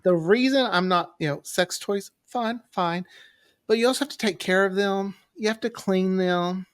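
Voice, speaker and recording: A man's voice: sits high, normal speed, smooth. A man chatting casually and candidly as a podcast co-host, playful and prone to wandering off topic. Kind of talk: casual chat.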